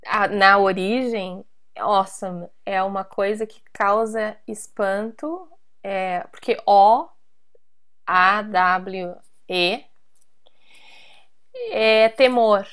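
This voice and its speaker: A woman's voice: medium pitch, drawn-out words, pauses often, fairly bright tone. A woman from Brazil, hosting a casual interview and explaining things in a chatty way. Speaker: host.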